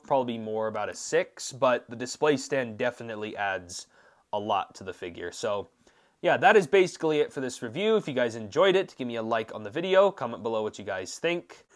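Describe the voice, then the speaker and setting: A channel host reviews an action figure in a casual, conversational way, swinging emphatically from point to point. His mid-range voice moves fairly quickly with lively intonation.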